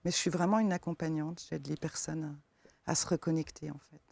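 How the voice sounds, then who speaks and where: A forest therapy guide from eastern France, with a slight eastern French accent, answers interview questions softly and hesitantly, using many fillers. Her voice is low with vocal fry, fairly even in intonation and a little fast, with no echo.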